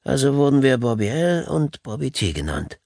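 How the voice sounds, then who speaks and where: A man's voice: medium pitch, very animated, moderate pace, creaky, a little mellow, no echo, studio quality, pitched above the performer's own voice. A man voicing a gaunt, earnest visitor who asks for help for his sister, speaking tersely and stubbornly.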